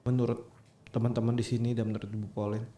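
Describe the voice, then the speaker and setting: A man hosting a podcast discussion, leading the panel with questions and slow, emphatic phrasing. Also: medium pitch, little pitch movement, warm tone, echoey room. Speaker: podcast host. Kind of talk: hosting a true-crime discussion.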